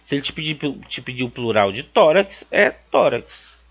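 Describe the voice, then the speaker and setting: A man's voice: medium pitch, very animated, moderate pace, a bit bright. Man, Brazilian Portuguese teacher, exam-prep lesson, emphatic, muffled lo-fi recording. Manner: emphatic, repeats key words with "certo?" checks. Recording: dull lo-fi sound.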